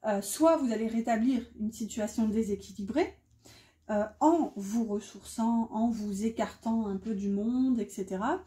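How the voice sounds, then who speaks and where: A woman's voice: a little high, a little slow, dark tone. A woman doing a casual tarot reading, chatty and self-mocking, with many fillers. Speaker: tarot reader. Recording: echoey room.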